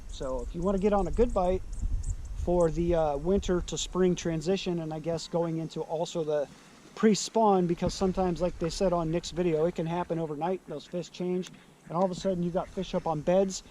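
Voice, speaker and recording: A young man from California talks casually to the camera as he stands outdoors beside a pond, slightly winded, full of ums and uhs. His voice is mellow and sits a bit high for a man. Faint outdoor noise is audible behind him. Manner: loose and rambling, lots of fillers. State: a little out of breath. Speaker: fishing vlogger. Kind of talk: casual outdoor vlog talk.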